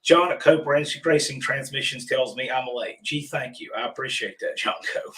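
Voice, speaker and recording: A man with a hoarse, rusty, froggy voice, chatting casually as he hosts a livestream. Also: medium pitch, normal speed, a bit bright, recorded from a distance, rough recording. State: hoarse from pollen. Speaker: host of a livestream workshop. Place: remote studio.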